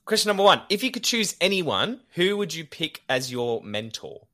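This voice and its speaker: A man hosting a casual interview in a polite, hesitant way, often halting as he puts his questions. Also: fairly high pitch, sing-song, pushed and bright. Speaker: interview host.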